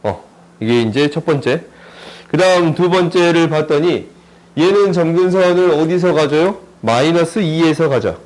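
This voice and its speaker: A man with a fairly high voice teaching a math class. He talks in a chatty, joking way and keeps checking in with his students through short questions as he works through the problem. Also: normal speed, a little mellow, poor audio. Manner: jokey, chatty, asks students lots of tag questions. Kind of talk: recorded math lesson.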